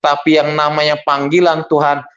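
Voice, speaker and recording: A man's voice: on the high side, normal speed, crowd noise. A middle-aged man, a pastor giving a testimony sermon and acting out the dialogue in his stories. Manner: animated storyteller acting out dialogue. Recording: dull lo-fi recording.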